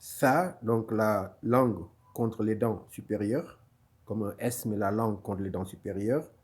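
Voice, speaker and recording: A man's voice: on the low side, measured pace, darkish tone, breathy edge. A man teaching a Quran reading lesson, patiently repeating each letter sound and explaining where it is made in the mouth. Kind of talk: slow online lesson.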